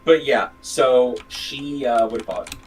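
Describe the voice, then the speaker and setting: A man's voice: medium pitch, moderate pace, slight background noise, poor audio. A man running a tabletop game as game master, narrating scenes with many fillers and restarts.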